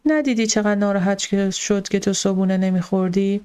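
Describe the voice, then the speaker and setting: A young carpenter husband in a storybook, affectionate and teasing as he coaxes his wife, voiced by a woman narrator. The tone is mellow and dark, with an easy, everyday pitch. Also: steady tone, clear, resonant tone, lightly acted. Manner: coaxing, gently teasing.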